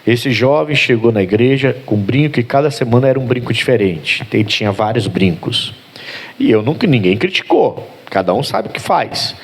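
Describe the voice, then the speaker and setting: A pastor with a Brazilian Portuguese accent delivers an animated sermon, acting out snippets of dialogue as he goes. His voice is mid-range and a little rough, at an ordinary pace.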